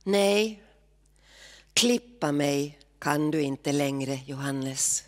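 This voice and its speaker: A woman voicing a calm, quietly insistent old man who is a ghost, in a literary reading. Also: low voice, big-room sound.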